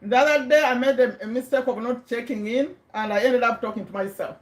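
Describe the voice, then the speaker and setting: In a bare, echoey room, a middle-aged woman from Uganda chats warmly into a webcam as host of a casual motivational livestream. Her pitch runs slightly high for a woman and she talks a bit fast, repeating words for emphasis and regularly checking in with the people watching.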